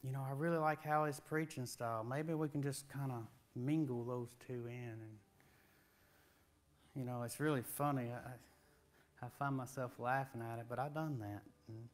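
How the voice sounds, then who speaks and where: A man's voice: mid-range voice, steady tone, moderate pace. A man, preaching a sermon in a folksy, conversational way with rising emphatic questions, in a church sanctuary on a lapel mic. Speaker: guest preacher.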